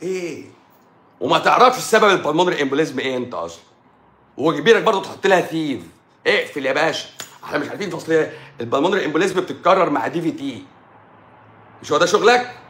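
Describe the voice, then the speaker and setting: Here a middle-aged Egyptian-accented doctor rants combatively on a live stream, shooting off rhetorical questions in rapid-fire bursts. His voice sits a little high and sounds expressive and slightly bright, recorded in an echoey room.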